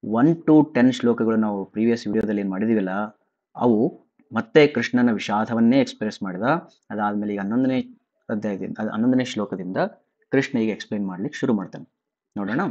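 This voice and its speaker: A man's voice: fairly low pitch, a little mellow. Man chanting, then explaining. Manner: chants verses slowly, then explains in casual dialect. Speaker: teacher. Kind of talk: explaining scripture verse by verse. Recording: slightly dull lo-fi audio.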